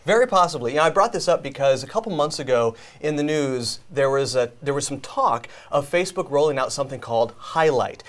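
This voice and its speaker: A man co-hosting a live web broadcast on social media, reading the intro smoothly and then chatting about the news in an upbeat way. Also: medium pitch. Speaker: co-host of a social media show.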